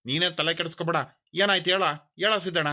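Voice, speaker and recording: A man's voice: sits high, fairly even intonation, fast talker, sharp tone. A man playing a blustering village boss. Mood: blustering concern. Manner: fires off repeated questions, blustering then sulky. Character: proud middle-aged male village boss, quick-tempered. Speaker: former village council member. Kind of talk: rural comedy sketch acting.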